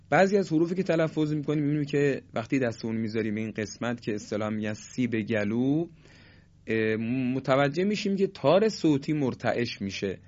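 A patient male teacher walks through pronunciation rules at an unhurried pace. He stretches out each example sound and speaks with courteous formality. His voice sits at an ordinary middle pitch, and the recording has a slightly muffled, lo-fi quality. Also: a little mellow. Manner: slow, patient explaining with drawn-out example sounds; polite formal phrasing. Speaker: Quran recitation teacher. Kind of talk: tajwid lesson on letter qualities.

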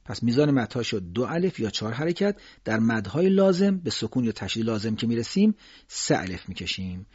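Man teaching recitation, husky and dry. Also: medium pitch, no echo, muffled recording. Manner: explains calmly, then slowly chants drawn-out Quranic examples. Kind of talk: tajwid lesson with chanted examples.

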